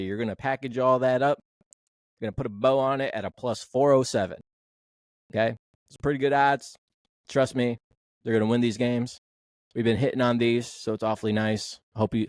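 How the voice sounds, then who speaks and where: A man's voice: mid-range voice, dry recording, clean studio sound. A man hosting a casual sports podcast, talking bluntly and rambling, with the odd swear word. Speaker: podcast host.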